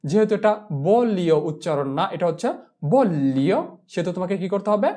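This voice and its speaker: A teacher with a Bangladeshi Bengali accent giving a pronunciation lesson, spelling words letter by letter and repeating them slowly. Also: medium pitch, mellow. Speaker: Italian teacher for Bengali speakers.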